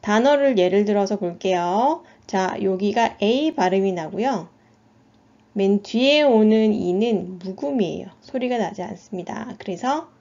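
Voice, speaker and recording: A woman with a Korean accent, teaching phonics at an unhurried, deliberate pace. She says each example sound twice with patient care. The recording is a little dull and lo-fi. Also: mid-range voice, mellow. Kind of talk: phonics lesson explanation.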